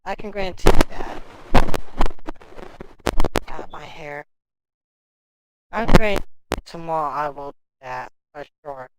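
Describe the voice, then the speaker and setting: A woman's voice: deep voice, measured pace, pauses often, background noise. A woman livestreaming from home, ranting in casual talk, swearing and speaking straight to her chat. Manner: animated, profane ranting.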